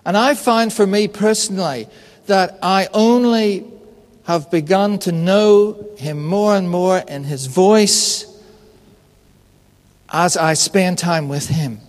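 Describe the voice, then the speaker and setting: Slow, high-voiced male preacher. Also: big-room sound. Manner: unhurried, conversational, personal. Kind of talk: sermon with storytelling.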